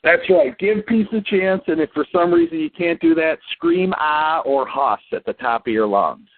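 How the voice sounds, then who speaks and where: A man's voice: sits high, wildly swooping pitch, normal speed, creaky. Guy cohosting a podcast, rambly with lots of uhs, thin phone-line sound. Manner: rambling, filler-heavy, folksy. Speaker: podcast co-host. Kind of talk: casual podcast chat. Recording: tinny phone-line audio.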